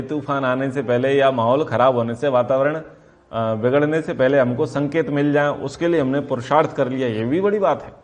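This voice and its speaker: A man teaching a class on Vedic philosophy, asking questions and answering them himself, and stretching key terms slowly for emphasis. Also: mid-range voice. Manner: asks and answers his own questions. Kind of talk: classroom lecture.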